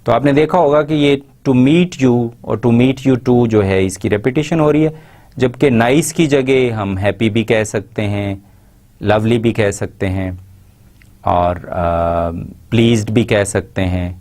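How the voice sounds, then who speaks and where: A man giving a recorded university lecture, explaining in Urdu and reading English example phrases slowly and carefully. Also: mid-range voice, a little mellow.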